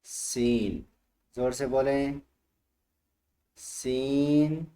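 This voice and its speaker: Slow, patient male reading teacher. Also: medium pitch, dark tone. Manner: patient, repeats each letter and asks the learner to say it aloud. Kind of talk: slow letter-by-letter recitation lesson.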